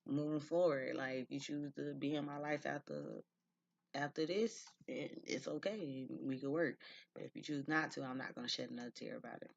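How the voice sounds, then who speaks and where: A man's voice: mid-range voice, normal speed, creaky, dry recording. A man in his thirties telling a personal story in a casual, chatty way, full of "like" and "y'all". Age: 30s. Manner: chatty, fills speech with "like" and "y'all". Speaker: vlogger. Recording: dull lo-fi dry sound.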